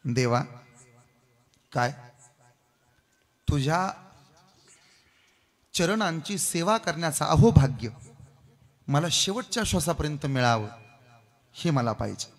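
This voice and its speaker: A man preacher voicing Prince Bharata, a devoted brother, speaking slowly and solemnly. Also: on the high side, lively intonation, full character voice. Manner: slow, solemn. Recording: long hall reverb, faint music.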